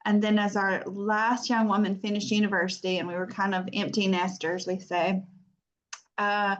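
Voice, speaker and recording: A woman's voice: mid-range voice, level tone, normal speed. Chatty American woman on a dull video call. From United States. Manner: chatty, self-deprecating. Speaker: guest speaker. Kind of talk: informal online presentation. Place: home.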